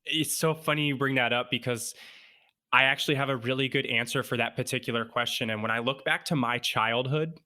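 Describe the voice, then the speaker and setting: A man in his thirties with a bright, forceful voice at a middle pitch. He talks as a podcast guest, explaining his points with confidence and emphasis in a relaxed conversational tone. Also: brisk. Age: 30s. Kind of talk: casual conversation.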